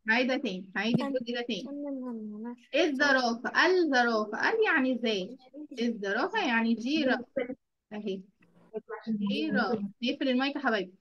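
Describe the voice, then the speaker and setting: Egyptian woman, online children's teacher, a bit high voice, dull call mic, slow drawn-out words. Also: lively intonation, a bit bright. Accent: Egyptian Arabic. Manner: praising pupils, drawing out English words slowly.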